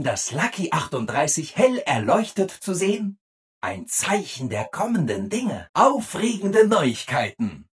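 A man voicing a relentlessly cheerful, eager-to-please robot assistant in a video game, over-polite and exaggeratedly upbeat, with a husky voice. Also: sits high, a bit bright, exaggerated voice. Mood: gushing, upbeat.

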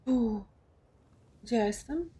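A woman's voice: on the high side, expressive, slow pace, mellow, breathy edge. A woman casually commenting on her game for viewers, chatty and often confused about where to go. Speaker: gaming streamer. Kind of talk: casual let's play commentary.

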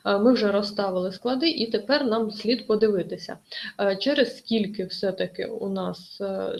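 Gravelly-voiced woman teaching a lesson. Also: mid-range voice, darkish tone, slight background noise, poor audio. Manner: careful explaining with frequent hesitations. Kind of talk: online exam-prep lesson.

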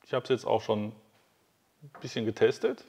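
A chatty man hosts a relaxed interview, standing beside a motorhome in a big workshop hall. He talks eagerly, restarts his sentences and fills the gaps with little sounds, at a medium pitch. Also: a little fast, gravelly, breathy edge, lo-fi sound. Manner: chatty, enthusiastic, many fillers and restarts. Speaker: host. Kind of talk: casual interview.

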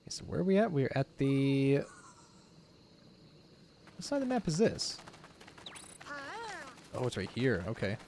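A man's voice: mid-range voice, huge pitch swings, measured pace, long pauses, a little mellow, a little hiss or hum. A man hosting a gaming video, giving casual, off-the-cuff commentary as he plays. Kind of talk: casual let's-play commentary.

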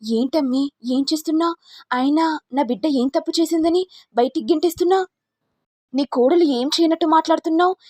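A woman doing a shrill, indignant mother. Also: a little fast, a little mellow, no echo, studio quality, natural voice. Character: outraged mother defending her daughter.

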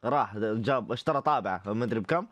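Saudi male host, quick-talking and dry, reacts to clips with mock disbelief and deadpan jokes. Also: on the low side, no room sound. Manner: wry, incredulous asides with mock disbelief. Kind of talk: casual comedic commentary.

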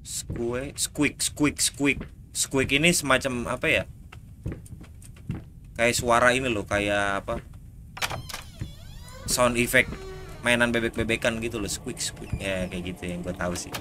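A man's voice: mid-range voice, measured pace, pauses often, sharp tone. Indonesian man, gaming commentary, jumpy, swears when scared, noisy background. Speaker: gaming streamer. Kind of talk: casual gameplay commentary.

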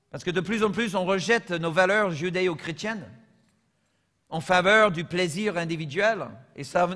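A man from the United States with an American accent, preaching a sermon as pastor, telling humorous stories and swinging from soft asides to shouted lines. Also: sits high. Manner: humorous storytelling. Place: church. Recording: long church reverb.

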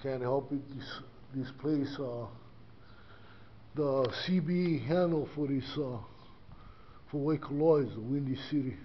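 An older man who vlogs as a church custodian gives a casual, rambling walkthrough inside a small church building, full of fillers and restarts. His medium-pitched voice is unhurried and pauses often. Captured on a body-worn action camera, the audio is muffled with faint noise.

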